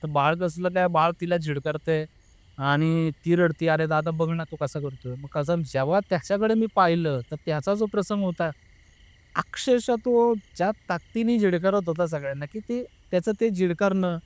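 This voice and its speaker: High-voiced man telling a tense story. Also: moderate pace, clean tone, no room sound. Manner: earnest, emotional, re-enacts family members' words. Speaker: guest telling a personal story. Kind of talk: casual interview storytelling.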